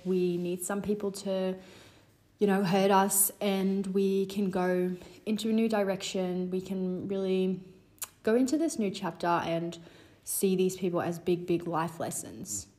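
A woman in her twenties hosting a solo podcast, talking in an earnest, rambling way with lots of fillers, a little stuffy from a cold. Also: mid-range voice. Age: 20s. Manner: warm, earnest, rambling with many "you know" fillers. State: slightly congested, recovering from a cold. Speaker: podcast host. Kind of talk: casual solo podcast talk.

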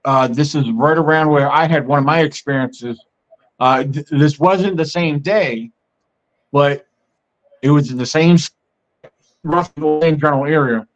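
A man with a fairly high voice talks in a loose, meandering way, as if chatting with a guest on his own show. The recording sounds muffled and lo-fi. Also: moderate pace, long pauses. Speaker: podcast host. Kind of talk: casual storytelling. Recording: muffled lo-fi audio.

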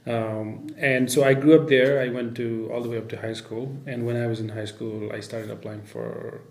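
A man from Nepal, a startup founder, speaking as a podcast guest in a measured way with many fillers. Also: medium pitch, little pitch movement, creaky, darkish tone. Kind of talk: casual interview. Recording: echoey room, faint background noise.

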